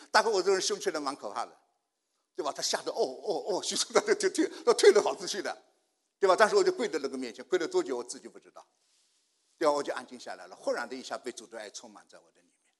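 Older male preacher, quick storytelling sermon voice, a bit high, drops to a hush then rises to a shout. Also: animated. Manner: storytelling, swinging from hushed to shouting. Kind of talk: sermon testimony.

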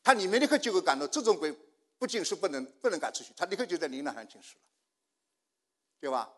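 An older man preaching a sermon, telling a personal testimony and swinging from hushed prayer to loud outbursts. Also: high-pitched, sing-song, quick pace. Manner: storytelling, swinging from hushed to shouting.

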